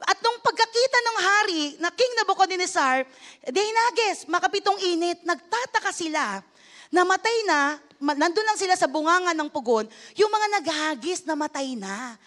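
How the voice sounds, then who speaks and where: A woman pastor preaching a sermon in Tagalog mixed with English phrases. She calls on the congregation for amens and applause, and she moves between loud exclamations and hushed, low lines. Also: animated, normal speed.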